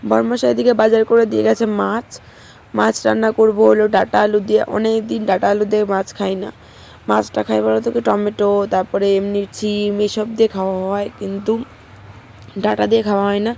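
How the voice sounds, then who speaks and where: A young mother, her voice hoarse and strained, chatting homely and casually to her viewers. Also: medium pitch, little pitch movement, a little fast. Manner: chatty, homely, soft baby talk with her daughter. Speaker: vlogger, mother. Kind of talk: casual vlog narration to viewers.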